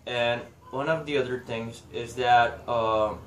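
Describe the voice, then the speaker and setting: Young man, halting, echoey room. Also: mid-range voice, steady tone, a bit bright. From Honduras. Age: young adult. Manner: hesitant, many filler uhs. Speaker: student presenter. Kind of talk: class presentation. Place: small indoor room.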